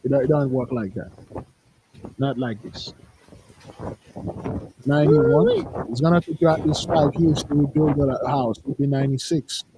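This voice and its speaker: A man's voice: medium pitch, very animated, measured pace, long pauses, long reverb tail, background noise. A man hosting a religious commentary on news clips, talking in a scoffing, repetitive, conversational way. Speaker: host.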